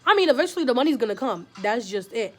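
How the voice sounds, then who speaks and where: Young woman vlogger, fairly high voice, heated, rambling run-on opinion talk. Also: big pitch swings, fast talker. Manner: heated, talks in long run-on streams with many likes. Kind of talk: casual opinion vlog.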